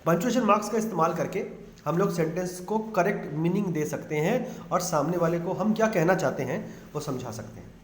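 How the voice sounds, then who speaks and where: A male teacher giving a grammar lesson, explaining patiently in Hindi mixed with English and reading the English lines slowly. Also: high voice. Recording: echoey room, faint ambient noise.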